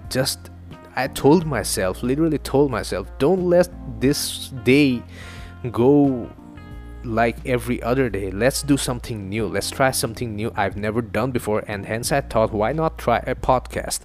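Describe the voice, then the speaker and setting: This is a casual one-man podcast: the host, a young man from Northeast India who grew up speaking Assamese, chats loosely, cursing and making self-deprecating asides. He speaks at normal speed in a medium-pitched, somewhat dark voice. Faint music sits behind him, captured on a home studio mic.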